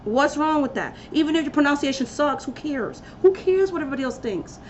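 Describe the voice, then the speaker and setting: A spiritual practitioner delivers an impassioned personal rant to camera, preaching emphatically and bluntly to rally her listeners. Her voice is high-pitched, expressive and brisk, and the poor audio carries slight background noise.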